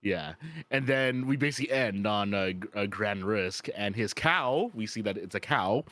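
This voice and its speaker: A man co-hosting a podcast, chatting casually and excitedly through an episode recap, full of restarts and filler words. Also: lowish voice, moderate pace, dry recording. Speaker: podcast co-host.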